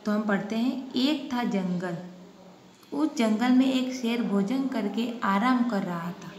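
Slow, patient woman teaching a class. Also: on the high side, darkish tone. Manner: repeats questions to the children, explains step by step. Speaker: Hindi teacher. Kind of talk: online class lesson. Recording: echoey room with faint hiss.

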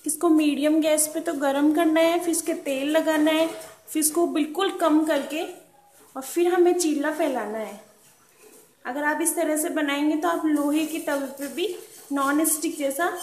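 A woman hosting her cooking channel, calmly and patiently walking through a recipe step by step at a gas stove in a home kitchen and repeating her tips. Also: high voice, a little hiss or hum. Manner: calm, patient instructional talk, repeats tips. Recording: roomy kitchen echo with pan sounds.

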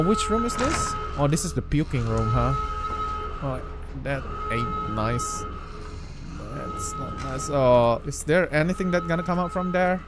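A man commenting on his horror game run, talking to himself and bursting into startled outbursts. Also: fairly high pitch. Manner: excitable, jumpy, talks to himself with loud startled outbursts. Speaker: gameplay commentator. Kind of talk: let's play commentary. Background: game music and sound.

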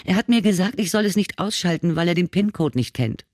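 A man's voice: high voice, expressive, a little mellow, no echo, clean studio sound, voice pushed up. A man reading an audiobook, voicing a frightened, sobbing young female vendor. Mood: tearful. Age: young adult. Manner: tearful and halting.

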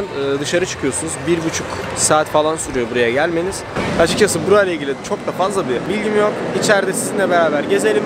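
A young man with a high voice vlogs casually at a fast clip. He speaks to a camera held at arm's length. Clear outdoor park noise sits behind him. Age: 20s. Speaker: vlogger. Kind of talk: casual vlog narration to camera. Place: outdoors in a busy amusement park. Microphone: handheld camera at arm's length.

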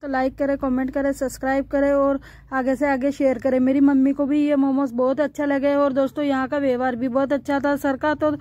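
High-voiced young woman vlogging enthusiastically. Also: level tone, fairly quick, mellow, dry recording, lo-fi sound. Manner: chatty, enthusiastic, addresses viewers as friends. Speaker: food vlogger. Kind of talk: casual restaurant review vlog. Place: rooftop restaurant at night, outdoors.

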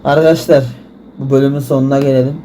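Frustrated gamer ranting at a match. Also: male voice, medium pitch, flat delivery, quick pace, a little hiss or hum. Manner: swears and shouts at the game. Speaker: gaming YouTuber. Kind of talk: frustrated gameplay commentary. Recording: music loud behind voice.

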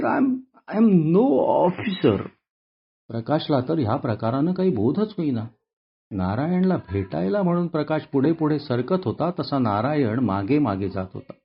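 A man narrating a novel in a measured, dramatic storytelling manner. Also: medium pitch, slightly rough, highs cut off. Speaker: audiobook narrator. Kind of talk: scripted narration.

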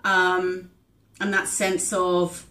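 A woman's voice: on the low side, extremely slow, recorded from a distance. A woman in her forties talking earnestly in a personal diary vlog, reflective and full of ums and restarts. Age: 40s. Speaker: vlogger keeping a weight-loss diary. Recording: roomy echo with steady background ambience.

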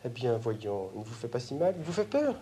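Young guy picking a fight w his shrink, provocative, loud then hushed, taped on a portable recorder, faint hiss. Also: medium pitch, big pitch swings, brisk. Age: young adult. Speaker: patient confronting his analyst. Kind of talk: heated spontaneous argument. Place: analyst's office. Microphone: hidden portable tape recorder.

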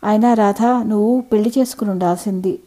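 A woman's voice: mid-range voice, fairly even intonation, a little fast, dark tone, close to an everyday voice. A woman voicing a fond, easygoing husband in his late fifties in a storybook reading.

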